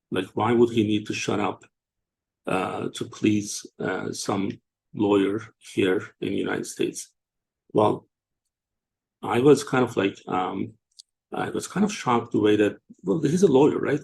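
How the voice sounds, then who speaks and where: A man from Turkey, hosting a casual online discussion and talking haltingly with many fillers and restarts. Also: fairly low pitch, a little mellow, slight background noise. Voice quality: gravelly, husky. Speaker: show host.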